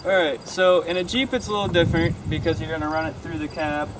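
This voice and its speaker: A young American man with a fairly high voice and fairly even intonation talks quickly while hosting a how-to car video. His hands-on guidance is casual, offhand, and loosely phrased, recorded outdoors in a driveway and inside a parked car against a noisy background.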